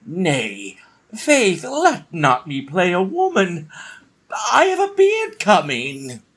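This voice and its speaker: A plaintive young man, reluctant and slow to speak, as played by an actor. His pitch swings very widely in this Shakespearean comedy. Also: wildly swooping pitch, fairly bright tone, heavily acted. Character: Flute, reluctant, plaintive young male bellows mender.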